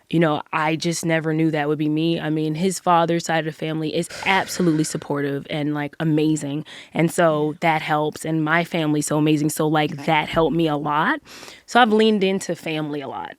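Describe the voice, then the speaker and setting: A woman's voice: deep voice, fairly even intonation, moderate pace, dry recording, studio quality. A woman in her thirties speaking openly and reflectively as a podcast guest in casual conversation. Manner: open, reflective, full of filler likes. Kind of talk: casual interview chat.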